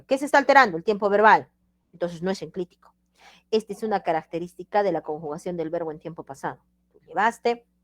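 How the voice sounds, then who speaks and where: A woman's voice: medium pitch, dry recording, studio quality. A woman teacher giving a grammar lesson, emphatic and repeating examples with checks like "ready?". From Peru.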